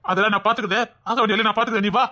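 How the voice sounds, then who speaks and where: A woman playing a hot-headed young husband, curt orders, quick and bright. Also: medium pitch, fairly even intonation, close to an everyday voice. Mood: commanding. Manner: curt, commanding. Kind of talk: dubbed serial drama.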